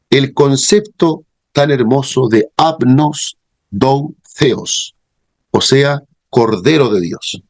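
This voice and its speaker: A man's voice: medium pitch, darkish tone, dry recording. A man teaching a theology class, explaining terms and checking in with his students. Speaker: theology professor. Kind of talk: classroom lecture.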